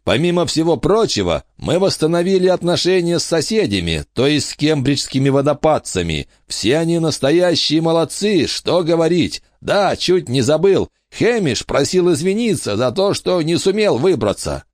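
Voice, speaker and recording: A man voicing a hearty, loud, bear-like male dwarf king in a storybook reading. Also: on the high side, very animated, moderate pace, hardly any pauses, no echo, clean studio sound, pitched above the performer's own voice.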